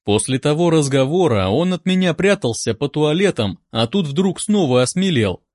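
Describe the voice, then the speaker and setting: A man calmly reading a first-person audiobook in an even, wry manner, close to a studio mic. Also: a little high, normal speed, no room sound. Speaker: audiobook narrator.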